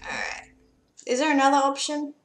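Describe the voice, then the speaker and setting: A woman's voice: high-pitched, lively intonation, normal speed, a bit bright. A young woman giving casual let's play commentary as she hosts a gaming video. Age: young adult. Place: indoor home room. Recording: clear background noise with game sound.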